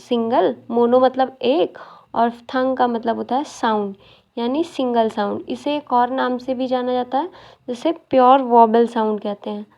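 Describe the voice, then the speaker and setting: A woman's voice: high voice, darkish tone, muffled recording. A woman teaching a phonetics lesson, explaining step by step and asking questions as she goes.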